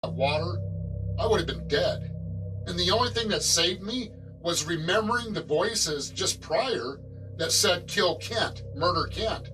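A man's voice: sits high, expressive, a little slow, rough recording. A middle-aged man giving a spontaneous first-hand account as an amateur ghost investigator. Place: indoors at home. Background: music.

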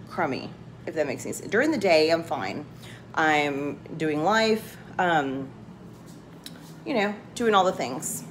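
A woman vlogs casually to camera from an emptied home office, rambling chattily with lots of fillers and sounding congested from a head cold. Her voice is on the low side and a little mellow. The empty room is echoey, with slight background noise.

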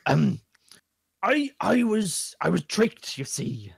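A man's voice: high voice, huge pitch swings, slow pace, creaky, crowd noise. A man playing a tabletop game over voice chat, stammering through hesitant in-character excuses. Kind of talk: casual in-character game banter.

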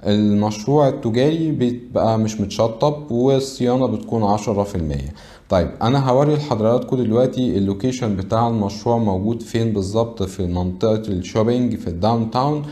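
An Egyptian man in his thirties speaks quickly and in a businesslike way. His voice is fairly low and mellow. He runs through figures like a consultant briefing clients to camera. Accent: Egyptian Arabic. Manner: brisk, businesslike, lists figures with frequent "uh" fillers. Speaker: real estate consultant. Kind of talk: informational presentation to camera. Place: indoor studio with backdrop.

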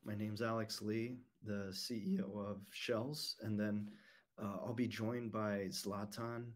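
A young man with a somewhat low voice presents a conference keynote from his room over a webcam. He talks casually, leaning on fillers and restarting his sentences often. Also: fairly even intonation, slow. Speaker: company CEO giving a keynote. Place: home or office room. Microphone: webcam video call.

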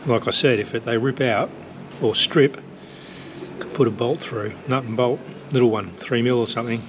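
Working in a big metal hangar, a man chats through his aircraft build, musing out loud with many pauses and hesitations. His medium-pitched voice is steady and at normal speed, and the hangar gives the recording an echo over faint background noise.

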